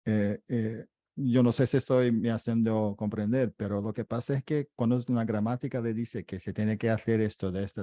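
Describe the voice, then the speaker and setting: A man from Brazil with a Brazilian Portuguese accent in his Spanish, talking casually on a panel in halting, hesitant phrases. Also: on the low side, warm tone, dry recording, studio quality. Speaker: interpreter and panel co-host.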